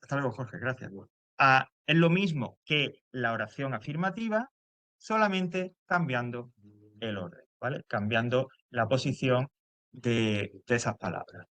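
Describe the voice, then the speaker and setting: A man's voice: mid-range voice, lively intonation, unhurried, a bit bright, no echo. A man teaching English grammar to a class, explaining step by step and checking in often.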